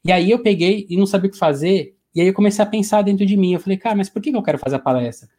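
A man with a Brazilian accent, a motivational speaker telling a story in an animated, conversational way during an interview. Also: high voice, racing. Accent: Brazilian Portuguese.

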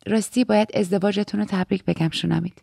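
A quiet, guarded young woman, read by a woman. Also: medium pitch, fairly even intonation, gravelly, slightly rough, dry recording, clean studio sound. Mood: restrained. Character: reserved young woman in training.

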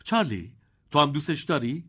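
Playful old chocolate maker by male reader, high bright voice, lively lilt. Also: breathy edge, exaggerated voice.

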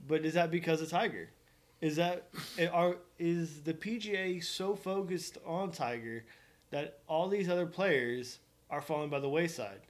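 A man's voice: on the high side, a little slow. Joking, rambling man chatting about golf. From Oklahoma, US. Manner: joking, rambling, self-mocking. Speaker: podcast co-host. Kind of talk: casual sports chat.

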